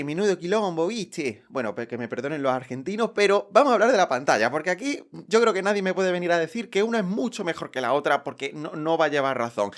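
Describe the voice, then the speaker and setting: Un hombre con acento de España que presenta reseñas de tecnología en tono informal. Tiene la voz bastante aguda y habla de forma juguetona, charlatana y enérgica. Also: male voice, on the high side. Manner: playful, chatty, energetic. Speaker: tech reviewer, host. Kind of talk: casual tech review vlog.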